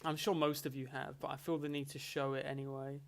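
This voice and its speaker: A man's voice: medium pitch, little pitch movement, brisk, gravelly. A man hosting a livestream, chatting casually and rambling through answers to chat questions with a joking manner. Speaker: livestream host.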